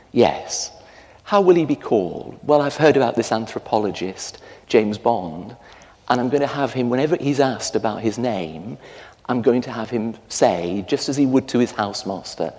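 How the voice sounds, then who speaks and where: A man in his fifties with an English accent, a parish priest delivering a storytelling sermon with lively gestures in a large stone church. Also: fairly low pitch. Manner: storytelling, animated gestures while preaching. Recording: long church reverb.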